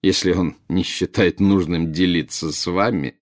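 A man playing a cold, insinuating male double agent in an audiobook, speaking in a measured, condescending way. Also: low voice, fairly even intonation, lightly acted. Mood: cold, silky.

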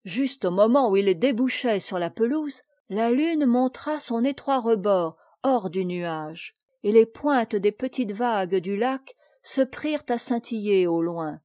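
A woman narrating a classic tale as an audiobook reader, reading in a slow, measured way and voicing the dialogue. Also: a little high, lively intonation, mellow, no room sound, clean studio sound.

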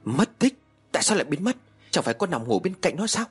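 A man voicing a harsh, domineering old woman who scolds and curses her household in a shrill voice. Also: sing-song, quick pace, husky, soft background music. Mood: furious scolding.

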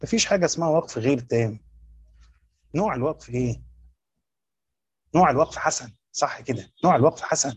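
A man's voice: mid-range voice, animated, fast talker, pauses often, slightly rough, no room sound. A man with an Egyptian accent teaching a class on Quranic exegesis, repeating his points and quizzing his students. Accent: Egyptian Arabic. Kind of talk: classroom lecture.

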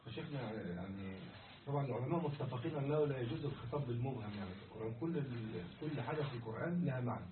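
A man's voice: medium pitch, lively intonation, rapid-fire, noisy background. A man with an Egyptian accent asking his teacher a question, hesitant and restarting his phrases. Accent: Egyptian Arabic. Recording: distant tinny phone-like line.

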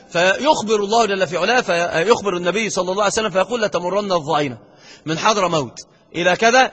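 An Islamic scholar with an Egyptian Arabic accent teaches grammar in a classroom lecture, his high voice a bit bright, husky and slightly rough as he drives along at a brisk pace. He quizzes the students with rhetorical questions and slows down to stress each quoted verse. The long reverb of a lecture hall rings through the sound.

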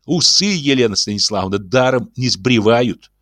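A man voicing an excitable, boastful middle-aged male locksmith who blusters and shouts. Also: moderate pace, no echo, studio quality. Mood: smug insistence. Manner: shrill, blustering, ironic.

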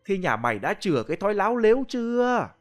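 A man's voice: a little high, big pitch swings, moderate pace, fairly bright tone, soft background music. A man voicing a stern female village shaman who hisses and scolds. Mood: scolding. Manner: hissing, scolding.

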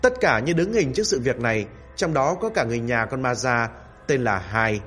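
A man narrating a story in a steady, dramatic storytelling manner. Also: medium pitch, moderate pace. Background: faint background music.

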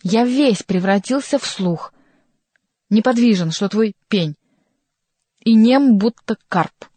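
A woman's voice: mid-range voice, slow pace, mellow, no room sound, voice pushed up. A woman voicing a sly male court jester who teases and mocks in an ironic manner, reading a storybook. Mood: indignant. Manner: teasing, ironic.

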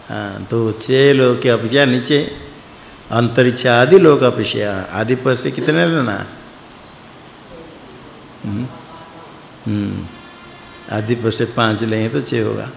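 Explaining a scripture passage one word at a time, a man questions his class in a creaky, medium-pitched voice. It was recorded in an echoey hall with some faint noise behind him.

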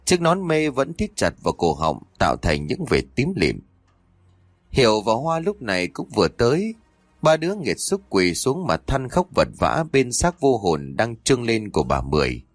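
A man narrating a ghost story for an audiobook in an expressive storytelling manner. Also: medium pitch, normal speed, dry recording. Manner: expressive, voices the characters' cries and quarrels.

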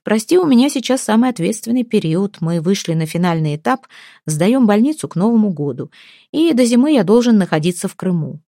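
Woman reading a calm, decisive man. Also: mid-range voice, brisk, dry recording, studio quality. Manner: calm, steady.

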